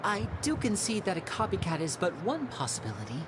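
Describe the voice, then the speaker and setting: A young actor playing a polite, proud stage magician who speaks in a measured, theatrical way in a video game. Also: male voice, high-pitched, huge pitch swings, noisy background. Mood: polite, poised. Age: young adult. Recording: game audio with music behind.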